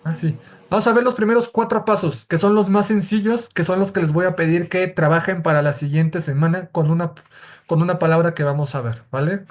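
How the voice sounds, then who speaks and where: A man with a Mexican Spanish accent teaches a church Bible study class. His voice sits high, and he explains things methodically, step by step, often pausing to correct himself. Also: steady tone.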